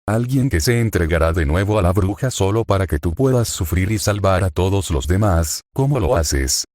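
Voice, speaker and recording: Guy reading a noble knight, earnest and admiring, very deep dry voice. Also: animated, normal speed, darkish tone, no echo.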